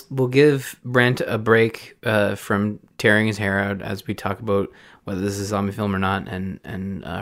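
A man's voice: on the low side, a bit bright. A Canadian man hosting a film podcast, chatting casually with chuckles and many restarts. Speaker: podcast host.

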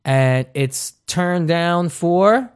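A man's voice: a little high, lively intonation, extremely slow, smooth. A man in his thirties hosting a podcast, chatting casually and joking through upbeat ad reads. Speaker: podcast host.

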